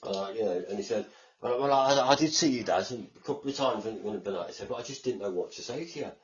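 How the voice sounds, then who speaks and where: A man's voice: fairly low pitch, rapid-fire, a little mellow, lo-fi sound. An English man co-hosting a podcast, chatting casually and retelling conversations with lots of reported speech. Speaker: podcast co-host. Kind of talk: casual chat.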